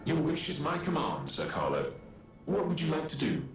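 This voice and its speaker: Polite butler robot, video game servant, deferential, formal stock phrases, higher voice, faint music behind. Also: male voice, huge pitch swings, normal speed. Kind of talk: video game character dialogue.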